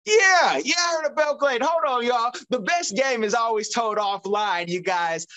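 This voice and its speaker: High, lively-voiced man host. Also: normal speed, no room sound. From Southern United States. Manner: enthusiastic, exclaiming. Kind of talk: casual interview.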